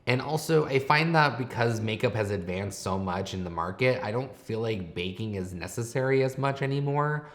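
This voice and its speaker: A man giving explanatory makeup commentary as a host, advising in a conversational tutorial style. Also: on the low side.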